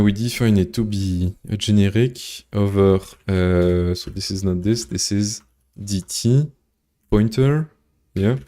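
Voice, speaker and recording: Streaming live code, this Belgian man, whose first language is French, talks through his work and replies to chat in a low, slow, warm and smooth voice. He thinks out loud, stumbling through plenty of fillers and restarts.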